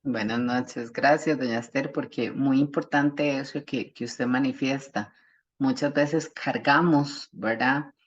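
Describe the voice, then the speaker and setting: A woman with a notably low voice leads a support group over a video call, explaining ideas in plain, folksy terms with homely images. Her sound comes through muffled and lo-fi, as call audio often does. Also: fairly even intonation, slow, husky. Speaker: psychologist leading the session. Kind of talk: warm group facilitation.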